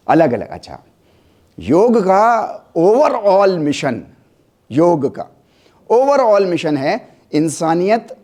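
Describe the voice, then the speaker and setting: A man's voice: on the high side, warm tone. A man giving a yoga lecture to students. He switches between Hindi and English, often checks in with "right?", and has the class repeat words aloud after him. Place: lecture hall.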